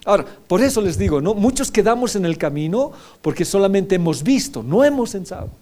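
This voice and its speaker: A man's voice: sits high, very animated, a little fast, dark tone. A middle-aged man, preaching a sermon as pastor with emphatic rising questions.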